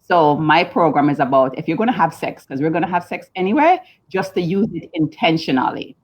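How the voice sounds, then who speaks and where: A Jamaican woman with a low voice talks through a relaxed interview, chatty and full of ums. The sound is dull and lo-fi. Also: a little fast. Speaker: guest coach. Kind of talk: casual interview chat.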